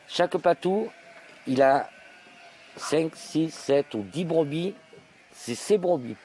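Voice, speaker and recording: A man who farms sheep giving spontaneous interview testimony, halting and repeating his phrases. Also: a little high, animated, a little mellow. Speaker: sheep farmer. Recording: noisy outdoor location recording. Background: bleating sheep and outdoor ambience.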